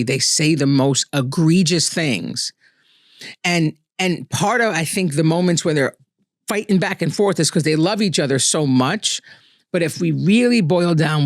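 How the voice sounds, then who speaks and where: A man's voice: fairly high pitch, dry recording, clean studio sound. A man hosting a solo podcast, talking in an earnest, conversational way and often checking in with "right?". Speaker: podcast host. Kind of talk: reflective solo monologue.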